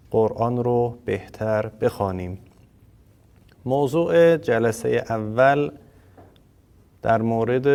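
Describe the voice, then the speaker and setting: A man teaching Quran reading in a formal recorded lesson, addressing learners politely and sounding out letters and short words slowly for them to repeat. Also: mid-range voice, darkish tone, smooth.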